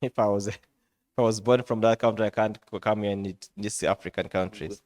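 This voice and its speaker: Man, interpreter, halting, flat delivery, dry sound. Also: lowish voice, dry recording. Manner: halting, with restarts and fillers while translating. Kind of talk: live consecutive interpretation into English.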